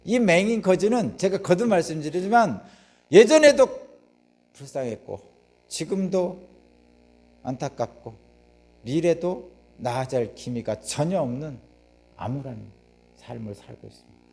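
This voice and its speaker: A man's voice: fairly high pitch, sing-song, a little slow, pauses often, darkish tone. A man preaching a sermon as pastor, telling the story vividly, asking the congregation questions and acting out the voices of the crowd.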